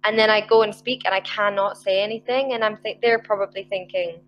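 A woman's voice: medium pitch, steady tone, fairly quick, lo-fi sound. A young woman with a mild Scottish accent, an online English tutor chatting in a friendly, reassuring way on a video call, talking into a headset in a small room. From Scotland. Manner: friendly, reassuring, laughs easily. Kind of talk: casual video call chat.

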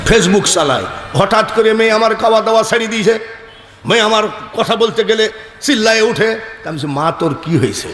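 A middle-aged man from Bangladesh giving a humorous sermon. He tells stories and acts out dialogue in an animated, joking manner. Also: sits high, brisk, echoey room, big-room sound, a faint crowd. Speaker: preacher. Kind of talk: humorous Islamic sermon with storytelling.

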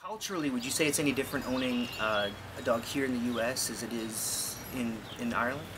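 A man in his forties from Wisconsin, presenting to camera in a jokey, energetic way and chatting with a dog owner outdoors. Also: mid-range voice. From Wisconsin, USA. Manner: jokey, energetic, quick to laugh. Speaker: host audition. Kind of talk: upbeat to-camera presenting and casual interview. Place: outdoors by a cornfield and a farmhouse yard. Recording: outdoor camera audio with background noise.

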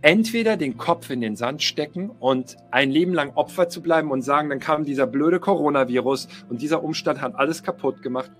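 A middle-aged man giving a motivational coaching talk, emphatic, repeating key phrases and speaking straight to the listener. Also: fairly high pitch. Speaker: life coach.

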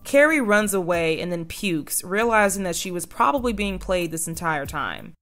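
A woman's voice: fairly low pitch, sing-song, normal speed, a bit bright. A young woman in her twenties narrating a video essay with sardonic, opinionated commentary.

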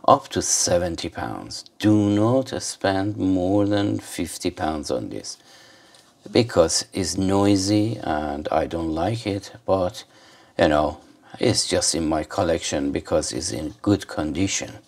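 A gadget reviewer with a low, gravelly, darkish voice talks slowly but with lively intonation. At his desk indoors, he gives a casual hands-on product demo, rambling and muttering to himself as he goes.

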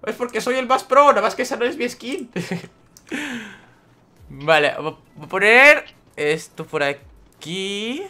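Chatty high-voiced young streamer man. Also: animated, slow pace, long pauses, pushed and bright. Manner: chatty, greets viewers by name, reads chat aloud. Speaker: gaming streamer. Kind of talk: live game stream commentary.

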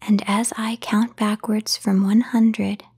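A woman whispering a guided sleep meditation, slow and soothing with long pauses. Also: medium pitch, level tone, a little mellow, husky.

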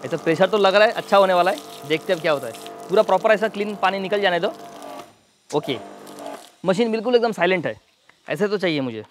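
A man casually reviewing and demonstrating a pressure washer, explaining each step quickly as he handles it. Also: high-pitched, lively intonation, slight background noise. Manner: rapid, hands-on explaining while demonstrating. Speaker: product reviewer. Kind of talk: casual product demo and review.

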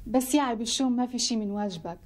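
An actress playing a polite, apologetic young doctor who speaks with a Syrian Arabic accent in a TV sitcom. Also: female voice, on the high side, racing, a little mellow, natural voice. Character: polite young female doctor, sheepish gift-giver. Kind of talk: TV sitcom acting.

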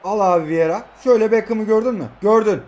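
Excitable young man commenting his football game. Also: fast. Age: 20s. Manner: excitable, shouts at players, swings between loud outbursts and muttered low asides. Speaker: mobile football gamer streamer. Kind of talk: live gameplay commentary.

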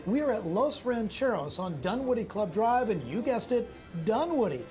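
A man's voice: sits high, sing-song, moderate pace, music in the background. A young man reporting restaurant inspection scores on location for local TV news, upbeat and pushing for answers. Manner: upbeat, confronting.

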